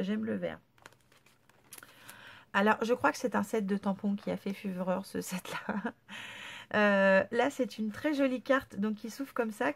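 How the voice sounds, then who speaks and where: Woman vlogger with a cold-stuffed nose and a creaky, gravelly tone, chatty and full of praise. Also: medium pitch. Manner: gushing, chatty, lots of fillers. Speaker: scrapbooking vlogger. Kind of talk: casual unboxing chat.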